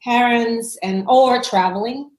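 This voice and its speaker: A woman in her forties from Indonesia, a parent coach appearing as a guest, gives casual interview answers in a reverberant room. She's chatty and warm, laughs often and restarts a lot, speaking slowly in a fairly high voice.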